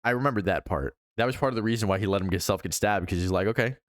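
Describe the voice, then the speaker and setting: Low-voiced man, casual reaction streamer. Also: very fast, no room sound. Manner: swears casually, incredulous asides.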